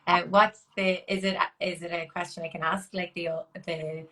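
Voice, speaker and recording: A woman's voice: lowish voice, flat delivery, normal speed, sharp tone. A woman interviewing a guest in an encouraging, conversational way, with frequent backchannels.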